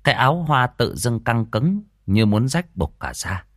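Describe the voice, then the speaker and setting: Lively man narrating a village tale. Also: mid-range voice, a little slow, no room sound, studio quality. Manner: lively folksy storytelling. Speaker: storyteller. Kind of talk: audiobook narration.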